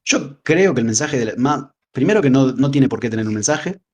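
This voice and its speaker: A man's voice: medium pitch, lively intonation, a little fast. A man with a Rioplatense Spanish accent, co-hosting a casual film discussion podcast, rambling with frequent filler words. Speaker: podcast co-host.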